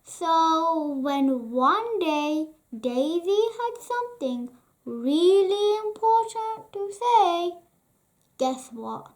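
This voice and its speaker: A children's story reader who hosts a channel reads a bedtime picture book aloud, expressive and deliberate. The voice is very high.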